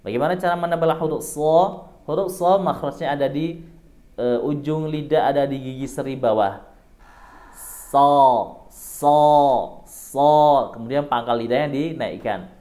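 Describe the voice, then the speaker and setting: A man's voice: on the high side, normal speed, a little mellow. A man teaching Quran recitation, patiently explaining how to pronounce each sound step by step. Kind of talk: tajwid lesson.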